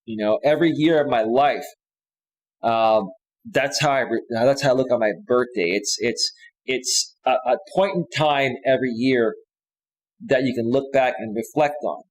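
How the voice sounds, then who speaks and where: A man's voice: mid-range voice, normal speed, low-quality recording. A man in his forties hosting his own live stream, talking casually and rambling with frequent restarts. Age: 40s.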